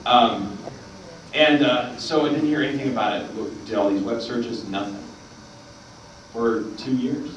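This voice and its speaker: A man's voice: mid-range voice, unhurried, pauses often. A man telling a long story at a convention panel, rambling with many fillers. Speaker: panel guest. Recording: echoey hall from far off, noisy.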